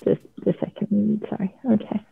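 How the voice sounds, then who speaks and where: A woman's voice: mid-range voice, monotone, normal speed, vocal fry, breathy edge. Slightly nervous woman poet, thin phone-like sound. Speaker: open mic poet. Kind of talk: poetry reading at an online open mic. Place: online video call. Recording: thin phone-like call audio.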